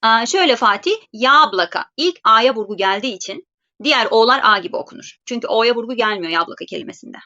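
Bright-voiced woman teaching grammar online. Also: on the high side, expressive, dull audio. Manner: patient, explanatory, slows down for Russian examples. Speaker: Russian language teacher. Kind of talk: live online grammar lesson.

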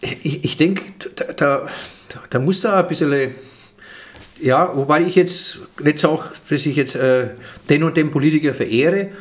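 An older Franconian-accented comedian, guesting in a casual interview, speaks unhurriedly in a fairly high-pitched voice. He's talkative, gestures as he goes, and restarts often; a table microphone records him in a small office room.

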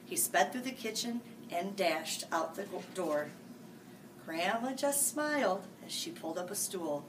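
A lively school staff reading buddy reads a children's picture book aloud, a little slowly, in a sing-song, animated style punctuated by sudden loud, high character lines. She sits in a small room before a green-screen farm backdrop, recorded on a distant mic with faint hiss.

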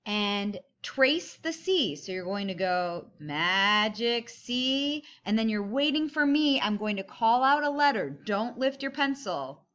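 A woman's voice: on the high side, expressive, takes it slowly, hardly any pauses, a bit bright, highs cut off. A woman with a kindergarten teacher's manner, giving simple step-by-step instructions to young children and stressing key words.

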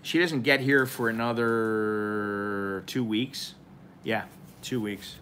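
A man in his forties runs a loose, rambling live stream, chatting casually with viewers and filling gaps with "uh" and "um." His lowish voice is bright and forceful. He talks to a nearby camera in a small room with a plain wall, with a faint hiss of room noise underneath.

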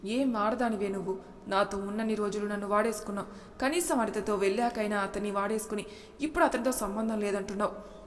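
A woman's voice: mid-range voice, steady tone, a little fast, close to an everyday voice. A wounded, angry young husband, read by a woman narrator in a storybook, scolding and bitter. Her voice stays level, with a long echo around it. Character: angry hurt husband Sriman, young man. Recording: reverberant room with faint noise.

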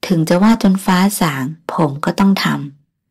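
A woman's voice: fairly low pitch, unhurried, creaky, darkish tone, husky, heavily acted. A woman voicing a stern, impatient young French painter who speaks firmly and insistently. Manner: firm, clipped and insistent.

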